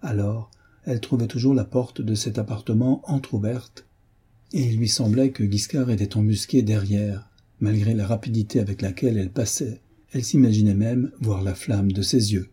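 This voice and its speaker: A man reads a classic novel aloud in a measured, unhurried storytelling manner. His voice is deep-toned, dark and mellow, with a heavy husky rasp. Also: fairly even intonation. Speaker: audiobook narrator. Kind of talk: scripted narration of a novel.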